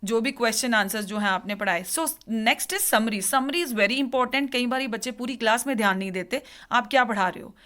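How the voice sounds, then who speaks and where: Woman teaching b.ed class, switches hindi and english, bit high voice, lots of pauses. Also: fairly bright tone. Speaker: teacher educator. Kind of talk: classroom lecture.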